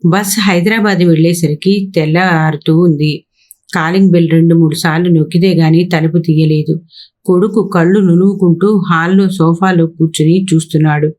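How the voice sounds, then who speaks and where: A woman narrating a story with a slightly lower voice. Her telling is steady and even, reading each scene out in order.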